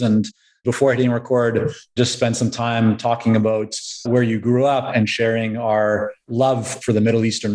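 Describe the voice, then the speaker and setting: A man's voice: mid-range voice, darkish tone, rough recording. A man with a mid-range voice hosts an interview podcast. He talks in a friendly, upbeat way and moves steadily through his introductions. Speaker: podcast host.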